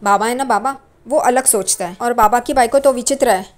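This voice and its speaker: A protective young husband talks his wife through her worries in blunt, casual street speech, read by a woman narrator. The voice sits a little high and stays close to an everyday tone. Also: brisk, close to an everyday voice. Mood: insistent. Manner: reassuring, plain-spoken street Hindi.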